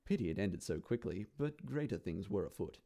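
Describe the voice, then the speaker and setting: A man narrating a gory dark-fantasy story with dry, theatrical relish. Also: lowish voice, sing-song, brisk.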